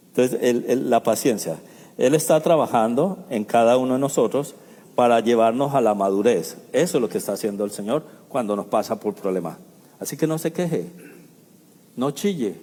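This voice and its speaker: A man's voice: medium pitch, mellow. A male pastor giving a conversational sermon, asking the congregation rhetorical questions and making joking asides. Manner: jokey asides and chuckles. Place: church sanctuary. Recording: long hall reverb in a church.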